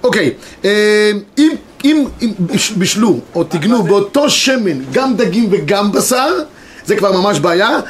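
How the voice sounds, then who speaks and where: High-voiced rabbi teaching a class. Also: male voice, lively intonation, a little hiss or hum. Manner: explains, reads sources aloud, checks in with students. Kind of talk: Torah class lecture. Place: classroom with students.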